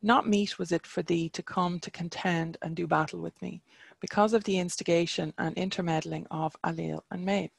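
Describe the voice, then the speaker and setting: Cuchulainn, a reader doing a gravelly defiant hero. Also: mid-range voice, fairly even intonation, normal speed, dry recording. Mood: pleading. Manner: archaic verse read aloud, chant-like. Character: legendary young male Irish hero, defiant warrior.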